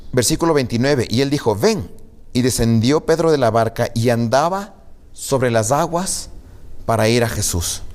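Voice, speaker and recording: A male pastor giving a sermon, reading scripture and retelling it with jokes and chatty asides. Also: mid-range voice. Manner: animated, jokey storytelling.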